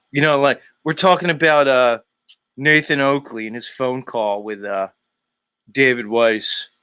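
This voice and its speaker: A man's voice: mid-range voice, slow pace, long pauses, bright, forceful tone, smooth, no echo, studio quality. A man hosting a casual livestream, talking crudely and mockingly and laughing often. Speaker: streamer host.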